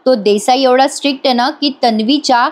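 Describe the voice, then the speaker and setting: An exasperated, determined young man, read out by a woman narrator. The voice sits high. It is a plain recap delivery. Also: brisk, lightly acted. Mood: frustrated.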